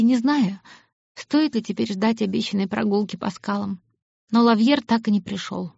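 Gravelly woman narrating an audiobook. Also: medium pitch, darkish tone, dry recording. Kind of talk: scripted narration. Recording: dull lo-fi audiobook recording.

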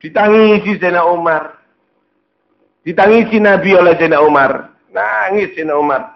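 A man with a high, gravelly voice at normal speed preaches a storytelling sermon, mixing Javanese words into his Indonesian and acting out dialogue as he retells a scene. The recording is dull and lo-fi.

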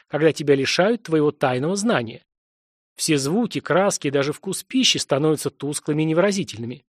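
A man narrating a fantasy audiobook in a steady storytelling manner. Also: a little high, no room sound, clean studio sound. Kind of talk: scripted narration.

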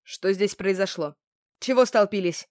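A woman voicing a gruff male city guard from a storybook, speaking through the nose and barking orders. His voice comes out loud and blustering. The recording is close and dry. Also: medium pitch, a little slow, dry recording, lightly acted. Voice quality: nasal.

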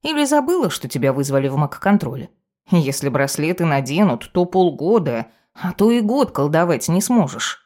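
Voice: mid-range voice, very animated, normal speed, a little mellow, close to an everyday voice. A reader voicing a self-important male talking cat familiar who grumbles and lectures his mistress in an audiobook. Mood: bossy, lecturing. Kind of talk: audiobook character voice.

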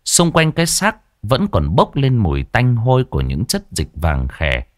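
A man narrating a ghost story in a dramatic, animated storytelling manner. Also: medium pitch, moderate pace, no echo, clean studio sound.

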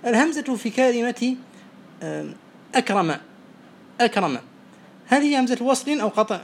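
A man teaching Arabic morphology, quizzing students and briskly praising each answer. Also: extremely high pitch, very animated, creaky. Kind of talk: oral quiz lesson. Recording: faint background noise.

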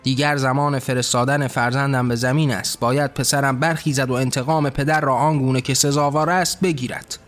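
A man voicing a wrathful, tyrannical male god who shouts threats at his subjects. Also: mid-range voice, fairly even intonation, hardly any pauses, faint music behind, close to an everyday voice. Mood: bitter.

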